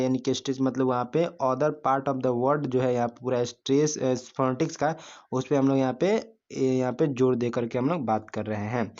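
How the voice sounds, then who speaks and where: A man teaching English pronunciation in a classroom-style video lesson. He explains step by step, asks the class rhetorical questions, and slowly drags out single syllables for them to repeat. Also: mid-range voice, darkish tone. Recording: dull lo-fi recording.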